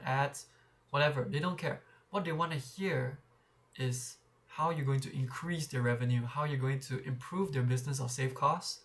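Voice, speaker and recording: A fairly bright tone and medium pitch mark this young adult male vlogger. He talks frankly in an easygoing vlog, thinking things over with frequent restarts and repeated words, captured on a clip-on shirt mic.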